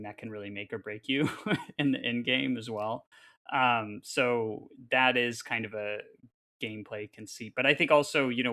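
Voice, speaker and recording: Bright-voiced man explaining on a podcast. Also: mid-range voice. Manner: thoughtful, explaining with many ums. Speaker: podcast panelist. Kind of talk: casual chat.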